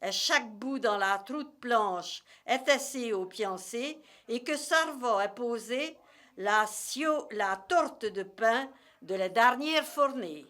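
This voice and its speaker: Woman storyteller, rural Burgundian Morvan accent, higher-pitched voice, very slow measured delivery of a dialect tale. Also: lively intonation, a bit bright. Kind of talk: storytelling in regional dialect, read aloud.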